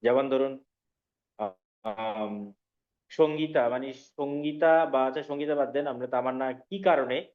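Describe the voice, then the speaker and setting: A man teaching a language lesson, explaining grammar patiently, repeating words slowly and often checking in with his listeners. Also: mid-range voice, narrow, tinny audio. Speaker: Sanskrit teacher.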